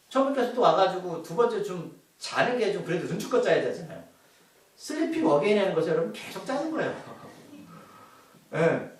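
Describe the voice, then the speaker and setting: A man preaching a sermon as pastor, asking the congregation questions as he goes. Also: high-pitched. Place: church hall. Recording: echoey hall, voice from far off.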